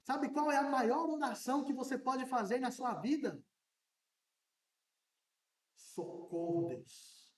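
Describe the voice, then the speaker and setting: A pastor with an unusually high male voice delivers his sermon with animated energy, sometimes nearly shouting. He sounds as though he stands some way from the mic. The church hall around him rings with echo. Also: normal speed, few pauses, recorded from a distance, a little hiss or hum.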